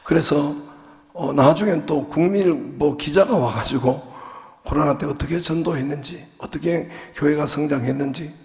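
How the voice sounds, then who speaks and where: Joking pastor in a ringing church hall. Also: male voice, on the high side, normal speed, darkish tone. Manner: chatty, joking, with frequent fillers. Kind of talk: sermon. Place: church sanctuary. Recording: long reverb of a church hall.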